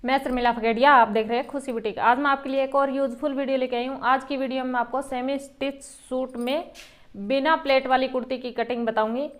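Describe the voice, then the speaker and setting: A woman who runs a boutique, calmly explaining step by step how to cut a garment as she works. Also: sits high, a little fast. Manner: calm, explains each step while working. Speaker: boutique owner teaching tailoring. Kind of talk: step-by-step sewing tutorial.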